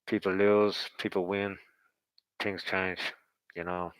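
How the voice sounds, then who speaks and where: Talking through boxing in casual commentary, a man with a low, smooth voice thinks aloud and speculates in a rambling way. He takes it slowly, his delivery fairly flat and conversational, on a dry, rough recording.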